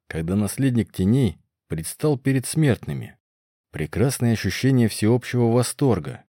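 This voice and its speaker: A man reading a fantasy novel aloud in a measured storytelling manner. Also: on the low side, warm tone, no echo, studio quality. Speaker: audiobook narrator. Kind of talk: scripted fantasy narration.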